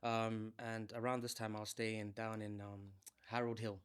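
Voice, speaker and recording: A man's voice: on the low side, monotone, normal speed, clear, resonant tone. A man in his thirties from Malawi, talking through his career as a salesman in an easygoing, conversational interview. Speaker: guest, salesman. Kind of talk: casual interview storytelling.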